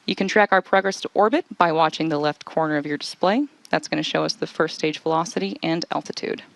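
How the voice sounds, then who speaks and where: A woman's voice: sits low, fast talker, vocal fry, dry recording. A woman hosting a live launch webcast, explaining technical steps in running commentary.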